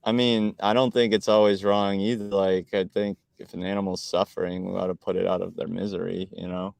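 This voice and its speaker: A man's voice: low voice, flat delivery, brisk, creaky, a little mellow, dry recording. A man co-hosting a live stream, chatting casually, talkative and argumentative, often laughing and restarting his words.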